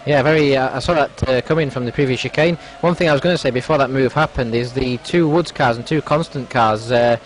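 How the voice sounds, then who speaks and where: A man giving live motorsport commentary, analysing the race in a conversational way. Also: mid-range voice.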